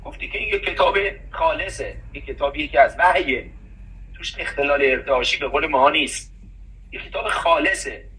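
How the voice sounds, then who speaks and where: A man in casual conversation, talking in an animated, preachy way and reciting verses as he goes. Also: a little high, far from the mic, low-quality recording. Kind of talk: casual chat.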